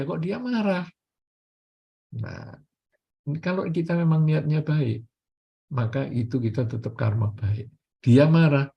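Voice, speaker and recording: An older Buddhist monk preaches in an easy, conversational manner. His voice is mellow and warm, and it leaps up and down in pitch whenever he acts out what people say. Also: slightly rough. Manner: colloquial, often acts out everyday dialogue with big pitch swings. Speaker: Buddhist monk giving a dharma talk. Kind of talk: sermon.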